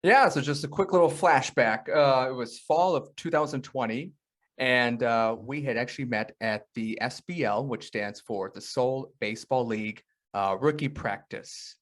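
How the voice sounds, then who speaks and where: A man with an American accent who co-hosts a casual podcast and tells stories in a relaxed way. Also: mid-range voice, moderate pace. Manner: relaxed storytelling with fillers. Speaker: podcast co-host.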